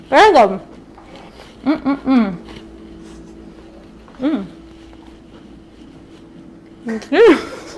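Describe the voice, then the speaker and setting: A woman with a voice on the high side hosts a live cooking demonstration, chatty and upbeat, eating as she talks and sometimes stepping away from the mic. There's a little hiss or hum in the recording.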